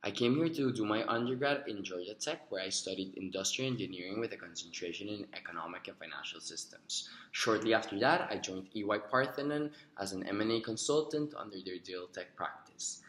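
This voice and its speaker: A young man speaks in a somewhat low voice, delivering prepared answers for a video job interview. His talk is earnest and a little rehearsed, with the odd "um". The sound is roomy and echoey. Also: a little fast, hardly any pauses, fairly bright tone. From Costa Rica. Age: young adult. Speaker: job applicant. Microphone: recorded himself on video.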